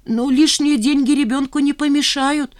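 A woman's voice: high-pitched, steady tone, moderate pace, voice pushed up, natural voice. A woman doing a tearful fretting older mother. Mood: indignant. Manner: pleading, sobbing, fussy.

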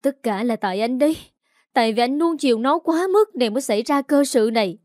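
A woman's voice: moderate pace, darkish tone, dry recording, clean studio sound, lightly acted. A woman playing a distraught, scolding mother. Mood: shrill blaming. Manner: scolding, shrill when upset. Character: distraught middle-aged mother, sharp-tongued and anxious.

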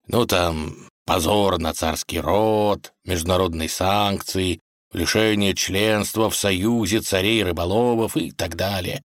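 A man's voice: deep voice, steady tone, unhurried, no room sound, studio quality. A man voicing a cunning, self-important male wolf who speaks slyly and commandingly in a fairy tale. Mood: scheming. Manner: sly, commanding, self-assured.

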